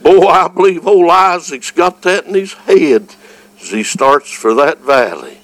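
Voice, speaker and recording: A man with a Southern US accent preaching a fervent evangelical revival sermon, folksy and exclamatory, moving between quiet storytelling and shouting. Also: on the high side, sing-song, measured pace, gravelly, dry recording.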